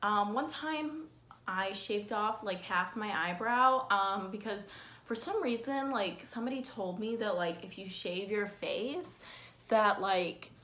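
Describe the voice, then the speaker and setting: Filming herself on a phone held close, a teenage vlogger of sixteen chats casually in her bedroom, blinds on the window behind. She speaks unhurriedly in a medium, slightly bright voice, rambling through facts about herself with many fillers and self-mocking remarks.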